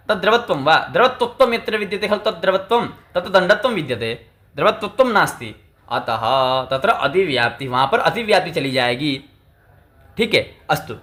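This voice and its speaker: A man giving a lesson who keeps asking and answering his own questions, with slow recitation of old text. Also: on the high side, pushed and bright. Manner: recites Sanskrit text slowly. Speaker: Sanskrit teacher. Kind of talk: textbook lecture.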